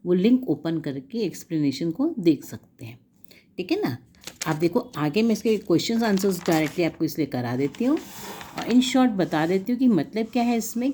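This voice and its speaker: Woman tutor, warm mellow tone, patient homework walkthrough. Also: mid-range voice. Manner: explains in Hindi, reads English text slowly. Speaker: teacher.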